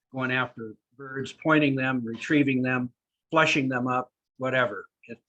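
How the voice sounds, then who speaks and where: An older American man gives unscripted answers in an interview. His voice sits at a middle pitch. He is plain-spoken and takes his time, breaking off mid-sentence before carrying on. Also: a bit bright, low-quality recording. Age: 60s or older. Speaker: speech contestant being interviewed.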